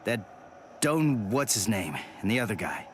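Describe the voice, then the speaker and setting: A man's voice: lowish voice, very animated, unhurried, slight background noise. An actor playing a determined teenage swordsman hero in an anime game dub, blunt and impatient. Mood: dry puzzlement.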